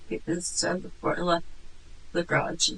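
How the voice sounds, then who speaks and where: A woman with a husky voice answers police questions as a cornered suspect, halting, subdued and upset. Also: lowish voice, level tone, fairly bright tone, poor audio. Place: police interview room.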